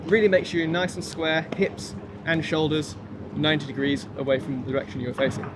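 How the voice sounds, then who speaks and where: A man with a fairly high voice leads a martial arts class as the instructor. He gives short, step-by-step commands and counts in an informal, encouraging manner. The recording has clear outdoor traffic noise behind him. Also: flat delivery, fairly quick. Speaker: kung fu instructor.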